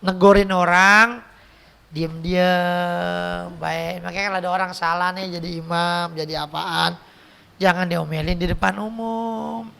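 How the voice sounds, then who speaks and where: High, gravelly Betawi-accented cleric. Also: male voice, fairly even intonation, measured pace, bright, forceful tone. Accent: Jakarta Betawi. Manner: joking, conversational, slangy, quotes Arabic text then explains. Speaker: cleric teaching a mosque study circle. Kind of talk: casual teaching sermon. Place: mosque hall.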